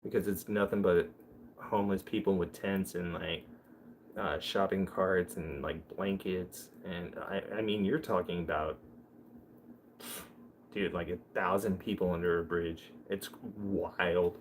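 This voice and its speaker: Deep-voiced man rambling on a stream. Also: fairly even intonation, a little slow, a little hiss or hum. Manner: rambling storyteller, loose and joking. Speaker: livestreamer. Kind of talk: casual live chat.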